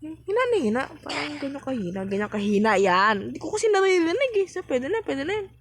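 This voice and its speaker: A woman's voice: big pitch swings, fairly quick, poor audio. Chatty woman gaming vlogger. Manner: chatty, reacts loudly with sudden high exclamations. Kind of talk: casual gameplay commentary.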